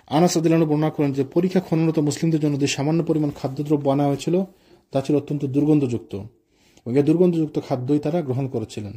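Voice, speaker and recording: A man's voice: fairly high pitch, warm tone, slightly rough. A man preaching a conversational sermon in a mosque, mixing quoted prayers with casual asides. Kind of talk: sermon on the life of the Prophet.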